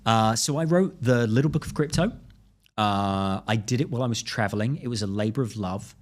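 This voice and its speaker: A man with a London accent, a guest in a podcast interview who tells stories in an animated way. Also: fairly low pitch, a little fast. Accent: London English. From London, England. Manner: animated storyteller, acts out quoted voices. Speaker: guest, crypto lawyer.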